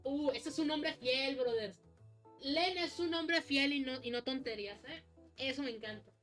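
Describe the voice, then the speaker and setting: Woman, Mexican accent, streamer, casual game commentary, excitable, slangy, rambling. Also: high-pitched, moderate pace, faint music behind.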